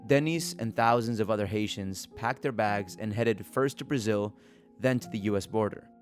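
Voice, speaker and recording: A man reporting and hosting, telling a documentary story in a steady, earnest way. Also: on the low side, normal speed, soft background music. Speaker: podcast reporter and host. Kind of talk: documentary podcast narration.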